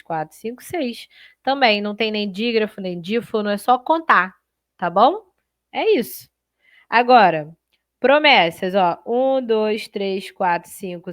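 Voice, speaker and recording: A woman teaching Portuguese in a live online exam-prep class, chatty and lively, talking straight to her students and checking in often. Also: a little high, dry recording, clean studio sound.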